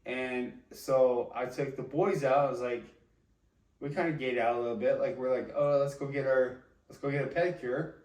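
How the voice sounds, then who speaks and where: A man's voice: mid-range voice, steady tone, normal speed, a little mellow. A young man co-hosting a podcast, bantering casually in a crude, rambling, jokey way. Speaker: podcast co-host. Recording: echoey room, distant from the mic.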